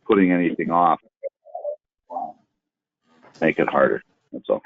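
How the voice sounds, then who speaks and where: A man with an extremely low voice speaks slowly over a phone line that keeps breaking up. The sound is thin and tinny, dry with no room around it. He talks in halting, broken-off phrases as he dials into a meeting. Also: animated, gravelly, slightly rough, no room sound. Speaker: board member calling in remotely. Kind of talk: town board meeting discussion.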